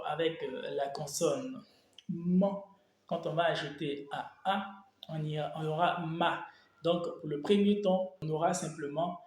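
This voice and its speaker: A man teaching pronunciation in French, patiently drilling tones and vowels, with frequent fillers. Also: high voice. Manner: fillers and restarts when speaking freely. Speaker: Chinese language teacher. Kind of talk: language lesson, pronunciation drills.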